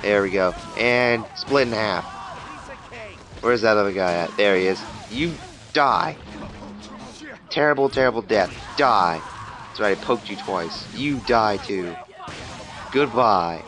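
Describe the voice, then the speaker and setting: A young man giving goofy let's play commentary, with sudden loud exclamations while he fights. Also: fairly low pitch, a little slow, pauses often. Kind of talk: gameplay commentary. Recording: game music loud under the voice.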